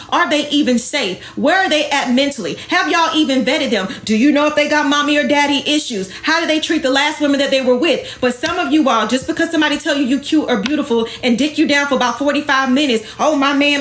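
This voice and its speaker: Speaking to her online followers in a passionate livestream, a Jamaican-heritage women's empowerment speaker and online host is emphatic and colloquial, sassy and confrontational, with a stream of rhetorical questions. The voice is high-pitched and a bit bright, and the recording is reverberant.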